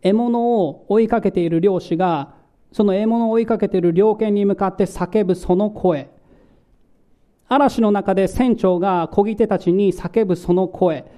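A man with a high voice delivers a sermon. His tone is deeply mellow and dark rather than bright. He walks his listeners through scripture, pausing to ask the congregation questions. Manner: asks the congregation questions and explains scripture slowly. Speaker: pastor.

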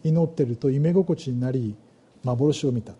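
A man's voice: medium pitch, unhurried, mellow, slightly rough, muffled recording. A middle-aged man preaching a sermon, reading scripture aloud and asking the congregation questions. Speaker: pastor.

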